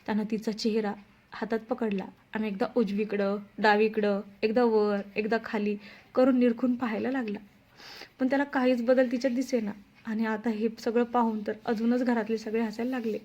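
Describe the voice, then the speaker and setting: A woman's voice: on the high side, little pitch movement, normal speed, darkish tone. A woman narrating a family romance story as a storyteller, reading expressively. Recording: dull lo-fi sound.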